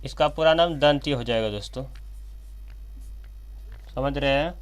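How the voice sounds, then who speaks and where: A man giving a slow, repetitive whiteboard grammar lesson, often addressing viewers as friends and correcting himself mid-sentence. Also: mid-range voice, clean tone. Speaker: teacher.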